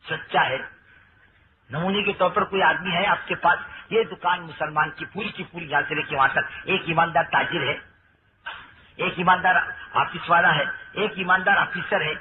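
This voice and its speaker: High-pitched preacher man, lots of questions to the crowd, acts out his stories, tinny lo-fi sound with hiss. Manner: rhetorical questions, dramatic storytelling with acted voices. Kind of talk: sermon.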